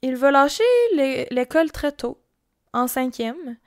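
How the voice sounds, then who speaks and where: High-voiced Québécois woman telling a story. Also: fairly even intonation, unhurried, dry recording, studio quality. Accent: Québécois French. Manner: casual, chatty storytelling with frequent fillers. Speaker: podcast host and storyteller. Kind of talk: true-crime podcast narration.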